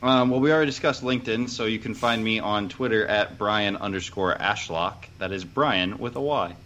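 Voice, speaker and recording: A man chatting casually as a podcast panelist, thinking aloud in a halting way, on a dull recording. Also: fairly low pitch, bright, forceful tone, a little hiss or hum. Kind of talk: casual football discussion.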